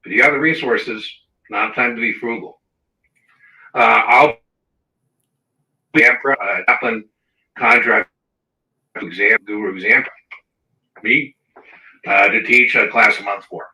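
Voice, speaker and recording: A man hosting a live exam-prep Q&A, chatty and repeating words for emphasis, heard through tinny, low-quality audio that cuts in and out. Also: steady tone, slow pace, long pauses, bright, forceful tone. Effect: tinny, low-quality audio cutting in and out. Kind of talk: casual livestream talk. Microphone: wrong mic across the room. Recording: tinny, roomy sound from a mic far off.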